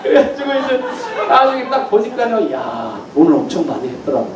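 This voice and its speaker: A middle-aged male pastor telling stories from the pulpit in a chuckling, animated way. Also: high-pitched, a little fast, crowd noise. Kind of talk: storytelling sermon. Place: church hall at a mission conference. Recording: echoey hall, mic far off, faint hiss.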